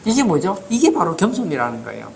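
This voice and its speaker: A man's voice: on the high side, sing-song, fast, gravelly, a little hiss or hum. A man preaching a sermon as pastor in a church, asking the congregation rhetorical questions.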